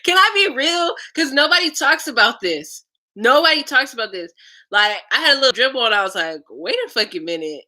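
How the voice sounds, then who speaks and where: Bright-voiced young woman vlogging frankly. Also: high-pitched, animated, a little fast. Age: young adult. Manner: chatty, laughs often, frank and profane. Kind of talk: casual storytelling vlog.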